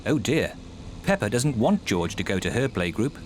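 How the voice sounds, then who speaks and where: A man's voice: medium pitch, sing-song, normal speed. A man giving cheerful, simple scripted narration for a children's cartoon. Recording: voice-over with loud music behind.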